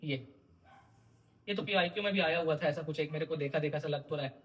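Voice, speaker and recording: A young man lectures on chemistry for exam prep, firing questions at his students and answering them himself. His voice sits high and sounds bright and sharp, with a teasing, informal edge. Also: quick pace. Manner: quizzing, repeating questions to students. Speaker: chemistry teacher.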